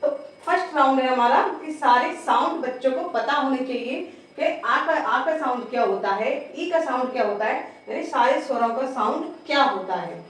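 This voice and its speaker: High-voiced woman teaching in an echoey room. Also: animated, normal speed. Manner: patient, repeats each sound several times. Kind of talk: lesson on Hindi vowel signs for parents. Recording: very echoey room, voice far from the mic.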